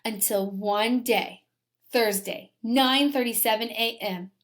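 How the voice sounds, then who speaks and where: A woman teacher with a fairly high voice reads a children's story aloud slowly, adding dramatic emphasis. She speaks straight to her young pupils, mixing the expressive read-aloud with a lesson.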